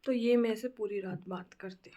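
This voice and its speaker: A young woman chats casually to her phone camera in a bedroom, her voice hoarse from a cold. She talks in a lively, rambling way and laughs often. Her voice sits a bit high for a woman. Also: moderate pace. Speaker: vlogger. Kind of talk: casual home vlog chat. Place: bedroom at home.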